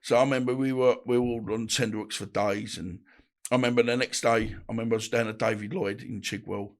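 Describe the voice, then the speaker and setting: A middle-aged man, a guest telling stories from his boxing days in a halting, rambling way, full of restarts. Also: mid-range voice, steady tone. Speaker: guest, ex-boxer. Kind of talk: casual interview chat.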